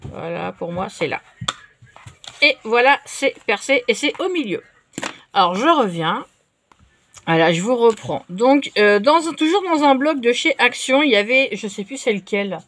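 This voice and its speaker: A woman's voice: fairly high pitch, normal speed, a little hiss or hum. Chatty woman crafting at home. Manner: chatty and relaxed, with many fillers. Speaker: craft vlogger. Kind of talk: casual crafting chat. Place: indoors at a craft table.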